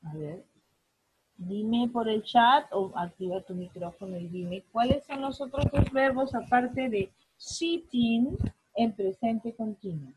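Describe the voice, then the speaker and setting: Woman teacher, online class, husky voice, slow and patient, dry sound. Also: on the high side, expressive, darkish tone, poor audio. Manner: slow, patient explaining with drawn-out English examples. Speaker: English teacher.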